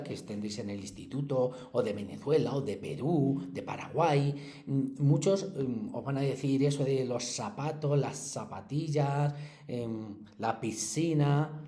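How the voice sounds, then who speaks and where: A man's voice: mid-range voice, dark tone, echoey room. A man from Spain with a central Spanish accent, a secondary school language teacher giving a chatty review lesson and checking in with his pupils often. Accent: central Spanish (Castilla-La Mancha). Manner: chatty, explanatory, checks in with frequent tags.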